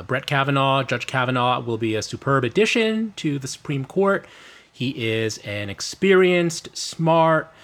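A man giving measured commentary as an interview guest. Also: medium pitch, a bit bright. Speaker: legal commentator, podcast guest.

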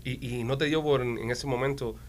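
A man leads a casual interview, speaking quickly and pressing his guest with follow-up questions. Faint background sound sits behind his voice. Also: mid-range voice, fairly even intonation, slight background noise.

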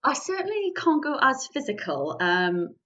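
A Geordie woman from Newcastle upon Tyne, northeast England, is an improv comedy performer chatting casually as an interview guest about her performing. Her high voice is very animated and sharp in tone, moving at a moderate pace. The lo-fi recording sounds dull and distant.

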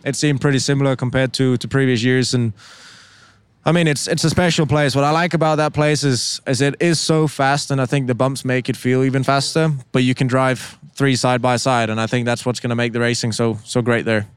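A young Danish-born racing driver whose voice is very smooth and resonant. He answers interview questions in a halting way, restarting words and filling gaps with ums. The recording is dry and close, with no room sound. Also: medium pitch, little pitch movement, no room sound. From Denmark.

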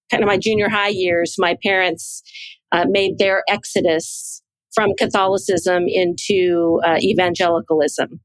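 A woman from Southern California talks as a guest on a podcast, telling her story in a thoughtful, unhurried way. Her pitch sits mid-range, and the recording is dry and close. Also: dry recording, poor audio. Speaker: guest author. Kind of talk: casual podcast interview.

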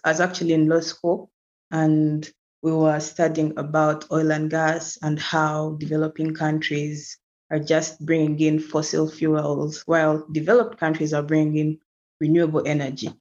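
A woman's voice: low-pitched, completely flat delivery, moderate pace, darkish tone. Ugandan woman guest on muffled audio. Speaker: guest, climate activist. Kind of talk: podcast interview over a call. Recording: dull lo-fi remote audio.

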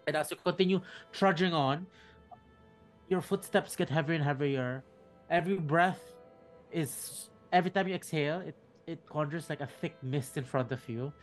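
A man narrating a tabletop game as dungeon master, halting and restarting mid-sentence. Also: a little high, soft background music. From Philippines.

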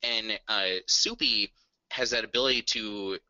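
A man's voice: fairly low pitch, unhurried, bright, forceful tone, no echo, lo-fi sound. A man co-hosting a podcast, telling an enthusiastic, earnest story in casual music chat. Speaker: podcast co-host.

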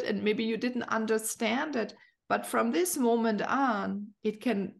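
A woman host with a gravelly edge to her voice talks through a reflective, spiritual conversation. She searches for her words gently and fills the gaps with soft fillers. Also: on the high side. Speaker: podcast host.

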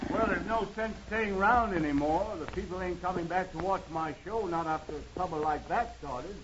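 An actor playing a showy traveling magician and elixir huckster in an old radio western, with grandiose barker's patter. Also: male voice, high-pitched, moderate pace, a bit bright. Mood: guarded, subdued. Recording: muffled old radio recording, faint noise.

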